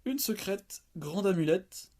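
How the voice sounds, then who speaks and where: A man with a slightly high voice chats casually as he opens trading cards. He talks in a relaxed way, with lots of fillers and little sighs, and gets excited over the good ones. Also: slow. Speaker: card-opening channel host. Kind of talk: casual chat.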